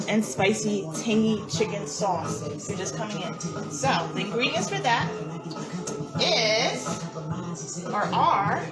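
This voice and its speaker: Playful woman with a New Jersey accent, slangy home-cook vlogger, slightly high voice, loud music behind. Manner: playful, giggly, chatty slang. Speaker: cooking vlogger. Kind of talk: casual cooking demonstration. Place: home kitchen. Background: hip hop and EDM music.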